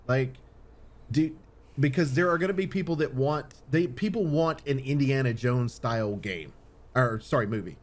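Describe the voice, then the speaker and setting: At normal speed and in a mid-range voice, a male podcast host rambles through casual, opinionated chat. He keeps looping back over his points and swears casually along the way.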